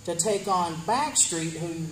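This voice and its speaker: A man's voice: sits high, lively intonation, takes it slowly. A man hosting a wrestling promo interview, announcing upcoming matches and putting questions to a wrestler. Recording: echoey room with music behind.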